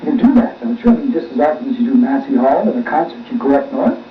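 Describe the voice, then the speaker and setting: A man's voice: on the high side, very animated, fast talker, roomy sound, distant mic, narrow, tinny audio, slight background noise. A man asking questions as an interviewer, on a recording that sounds like old worn tape.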